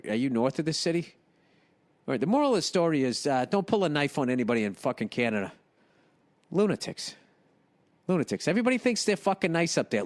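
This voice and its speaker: Profane joking man. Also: mid-range voice. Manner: profane, animated, riffing. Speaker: podcast host reading listener emails. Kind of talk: comedic podcast monologue.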